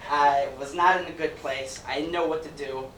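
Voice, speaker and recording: In an event hall, a young Ecuadorian man presents a lighthearted, humorous student talk to listeners, his slightly high voice steady, fairly bright and at a normal speed. The sound is distant, reverberant and noisy.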